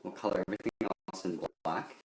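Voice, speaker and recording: A man with a low, gravelly voice talks quickly through a drawing tutorial, giving simple, methodical instructions step by step. The recording has a roomy echo and faint background noise.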